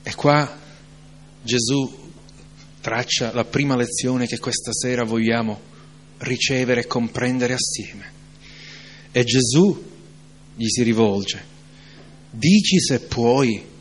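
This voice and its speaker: A man preaching an evening sermon, moving from calm reflection to loud, emphatic climaxes. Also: medium pitch. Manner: slow, deliberate delivery.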